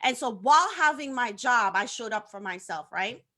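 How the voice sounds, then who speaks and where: Her voice is slightly high, expressive and sharp, delivered at a moderate pace. The speaker, a Haitian social media coach in her thirties, is a guest on a casual video-call talk show, chatting brightly about her story and laughing frequently.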